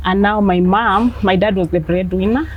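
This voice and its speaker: A woman's voice: mid-range voice, steady tone, moderate pace, highs cut off, a little hiss or hum. A woman, earnestly sharing her faith testimony as a guest on a TV interview. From western Kenya.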